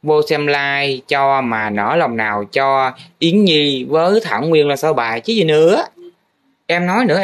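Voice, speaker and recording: A man's voice: fairly high pitch, fairly bright tone. A young man playing a comic art teacher grading students' drawings, teasing and full of exaggerated exclamations. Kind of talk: comedic teacher role-play monologue.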